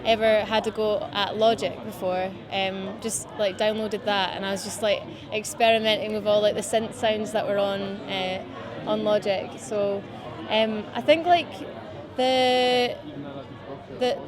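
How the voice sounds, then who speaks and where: An unhurried, mid-range voice belongs to a musician in her twenties with a Highland Scottish accent, chatting about her music in an interview. She rambles easily with lots of fillers, and the outdoor city riverbank setting brings crowd noise into the background.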